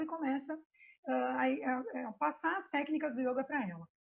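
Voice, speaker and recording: A woman with a Brazilian Portuguese accent, a yoga teacher giving a chatty online lecture that leans on storytelling. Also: sits high. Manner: chatty, animated storytelling with frequent "né" asides. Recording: dull lo-fi recording.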